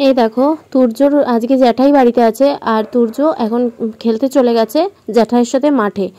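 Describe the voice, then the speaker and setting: A woman's voice: a little high, steady tone, brisk, warm tone. A young woman with a West Bengal Bengali accent chats to viewers at home in a casual family vlog, filmed on a handheld phone, and coaxes her child along. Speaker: family vlogger. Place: home, indoors.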